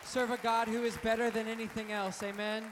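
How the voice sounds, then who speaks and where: A man's voice: sits high, flat delivery, a little fast, crowd noise, noisy background. A young man from Louisiana, a student leading a church service in an earnest, rousing way. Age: young adult. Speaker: student worship leader. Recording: reverberant hall with audience.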